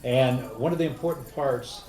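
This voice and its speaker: A man's voice: medium pitch, normal speed. A man hosting a powwow, welcoming viewers informally in a folksy emcee style. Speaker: host of a virtual powwow. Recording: echoey, distant mic, faint noise.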